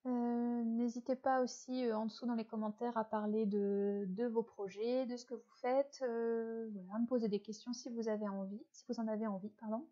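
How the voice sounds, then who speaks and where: Chatty woman with a soft, mellow voice. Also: a little high, steady tone, moderate pace, few pauses, muffled recording. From France. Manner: chatty, hesitant with many fillers. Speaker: knitting podcast host. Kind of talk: casual show-and-tell chat.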